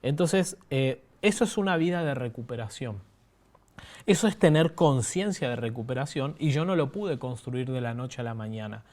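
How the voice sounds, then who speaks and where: A man's voice: mid-range voice, animated, moderate pace, darkish tone. A man in his thirties with an Argentine accent, preaching a sermon and telling his own story in a conversational way, often asking the congregation questions. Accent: Argentine Spanish. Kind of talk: sermon with personal testimony.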